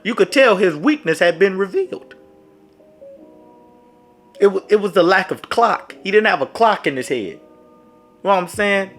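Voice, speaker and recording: Pausing often, a high-voiced man speaks at a normal pace as he shares a dramatic sports story on his casual vlog. He stays animated and theatrical, talking right to his audience over faint music.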